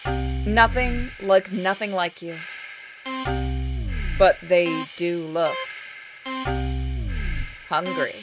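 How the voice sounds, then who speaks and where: Heard on a low-quality recording, a woman with a lowish, steady voice talks very slowly with long pauses, game music behind her. During her playthrough, the streamer gives the story text a theatrical reading and then drops into casual commentary for viewers.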